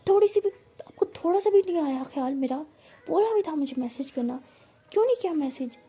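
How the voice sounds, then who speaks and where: A woman's voice: high-pitched, steady tone, a little fast, slightly rough. A woman voicing an anxious, hot-tempered young woman student who scolds the one she loves. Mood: angry scolding. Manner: scolding, worried, loud outbursts.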